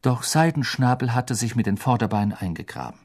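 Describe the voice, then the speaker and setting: A man reading a fantasy audiobook aloud, expressive storytelling that voices all the characters. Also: mid-range voice, a little fast. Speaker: narrator.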